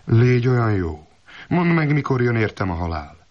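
A man's voice: mid-range voice, sing-song, a little mellow, pitched above the performer's own voice, natural voice. A man doing a foolish stubborn old peasant. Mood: fearful. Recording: dull lo-fi recording.

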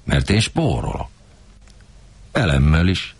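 Deep-voiced grumbling older man. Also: very animated, husky, no room sound. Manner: grumbling, coarse, rambling. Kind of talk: performed comic monologue.

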